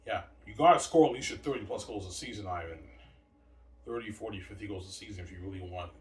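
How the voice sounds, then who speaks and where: Fast and fairly low-pitched with a darkish tone, this man's voice comes from far from the mic in an echoey room with faint background noise. As a solo vlogger, he talks to himself in a rambling monologue, repeating words and using "like" and "man" as fillers.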